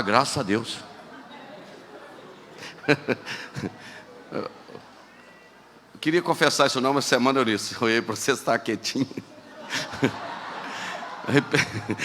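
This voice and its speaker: Bright-voiced Brazilian pastor preaching loud. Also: male voice, a little high. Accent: Brazilian Portuguese, Minas Gerais. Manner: animated, swings from quiet asides to shouting. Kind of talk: sermon. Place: church sanctuary. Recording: echoey church hall with faint noise.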